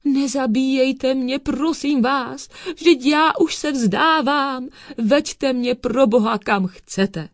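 A woman's voice: sits high, no room sound, clean studio sound, voice pushed up. A woman voicing a terrified male thief in a children's storybook, begging for mercy. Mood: terrified pleading.

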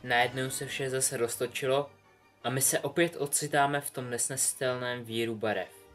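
A man narrating a story in a calm, measured reading voice. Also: mid-range voice. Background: soft music.

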